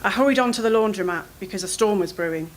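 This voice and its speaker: A woman reading her own first-person fiction aloud at a literary event, in an expressive, anxious storytelling manner. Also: mid-range voice, quick pace, a little hiss or hum, low-quality recording.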